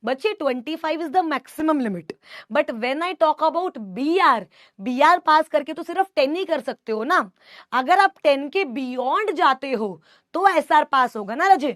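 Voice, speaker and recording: A woman's voice: high-pitched, lively intonation, takes it slowly, fairly bright tone, no room sound, clean studio sound. A young woman teaching a live online class, mixing Hindi and English, affectionate yet scolding as she answers student doubts.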